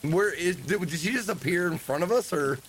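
A man's voice: sits high, animated, brisk, fairly bright tone, a little hiss or hum. Joking, cursing man playing a tabletop game. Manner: joking, complaining, swears freely. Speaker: tabletop player. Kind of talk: casual in-character game banter.

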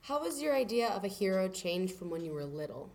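Lively-pitched woman asking questions. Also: brisk, vocal fry. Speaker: interviewer. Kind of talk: reading interview questions.

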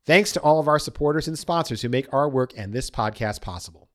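A man hosting a podcast, reading a scripted introduction in an even, announcer-like way. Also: medium pitch, fairly quick. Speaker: podcast host.

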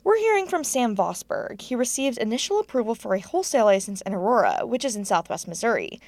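A woman's voice: on the high side, sing-song, fast talker, darkish tone, no echo. A woman hosting a business news podcast, introducing stories and asking questions. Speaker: podcast host.

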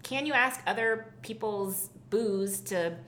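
Woman, comedy show co-host; bright, lively, rambling delivery; echoey room. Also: medium pitch, slow. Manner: chatty, peppers speech with "like". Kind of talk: improvised comedy chat.

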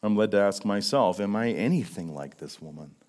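A man preaching a sermon as pastor, swinging between loud emphasis and hushed questions, with many rhetorical questions. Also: on the low side, lively intonation, brisk. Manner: repetitive rhetorical questions, frequent "right?".

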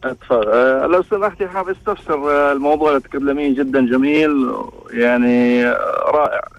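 A man's voice: medium pitch, brisk. A man calling a radio show over the phone from his car, polite and rambling with fillers. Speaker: radio caller. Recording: lo-fi phone line, faint music behind.

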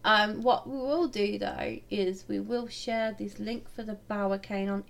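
A woman's voice: medium pitch, fairly even intonation, measured pace, gravelly. A woman co-hosting a podcast, chatting casually in an informal, jokey way. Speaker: podcast co-host. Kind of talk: casual chat.

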